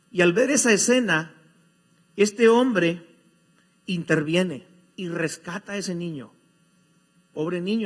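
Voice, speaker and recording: Male preacher, high voice, rhetorical questions, dramatic loud-to-soft sermon delivery.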